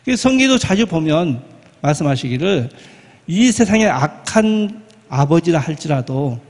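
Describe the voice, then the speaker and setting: Male pastor mid-sermon, lively and conversational, husky tone, church hall echo. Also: on the high side. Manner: animated, acts out quoted dialogue, rhetorical questions. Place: church sanctuary.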